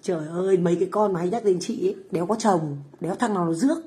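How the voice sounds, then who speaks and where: Low-pitched and dark-toned, her rapid-fire speech belongs to a middle-aged Vietnamese livestream host who also owns a food stall. Broadcasting from a home kitchen overseas, she chats informally with her audience, swearing, boasting, and taunting.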